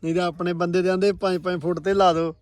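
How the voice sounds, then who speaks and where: A man's voice: high voice, little pitch movement, fast, dry recording. A man with a Punjabi accent chatting casually as a farmer vlogger, with banter while working outdoors. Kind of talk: casual vlog chat and work banter. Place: outdoors on a farm. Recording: faint outdoor field noise.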